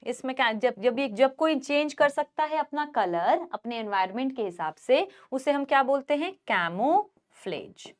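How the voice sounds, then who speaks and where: A woman teaching a class, mixing Hindi and English. She asks questions and answers them herself, and repeats key words slowly so students can write them down. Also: high voice, lively intonation. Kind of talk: classroom lesson, dictating notes.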